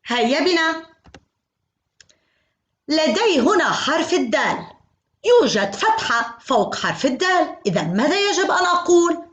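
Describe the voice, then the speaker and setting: A woman teaching a phonics lesson to young children, sounding out syllables in slow, sing-song repetition. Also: high-pitched, sing-song, fairly bright tone. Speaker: kindergarten teacher.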